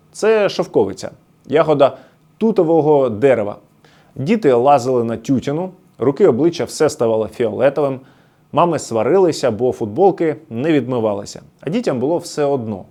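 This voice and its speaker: A man narrates a scripted documentary feature in a nostalgic storytelling way, his pitch rising and falling with a lot of life. He goes through words one at a time, giving each one a short explanation, at a middling pitch. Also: darkish tone. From Luhansk region, Ukraine.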